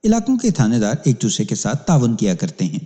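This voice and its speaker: A man's voice: mid-range voice, wildly swooping pitch, warm tone. A man narrating a crime story as a police inspector, in an emphatic, dramatic reading. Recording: long hall reverb.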